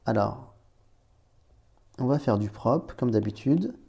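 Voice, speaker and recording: Male teacher, warm mellow tone, patient and repetitive, friendly one-to-one lesson delivery. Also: medium pitch, expressive, slow, vocal fry. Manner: patient, repeats points, talks to learner as tu; playful memory images for letters. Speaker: Arabic reading teacher. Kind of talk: informal explanatory lesson.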